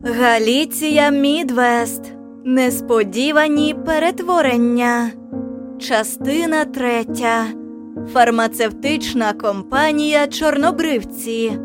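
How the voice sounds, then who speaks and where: A woman narrating an audiobook in a studio, with measured, unhurried storytelling. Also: high voice, over music. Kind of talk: scripted narration. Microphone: studio microphone.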